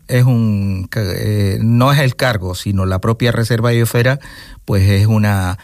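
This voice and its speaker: A man, answering interview questions in a measured, thoughtful way and pausing to find his words. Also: lowish voice, a little mellow, dry recording, studio quality. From Gran Canaria, Spain. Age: 60s. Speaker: interview guest, nature reserve director. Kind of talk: casual interview conversation.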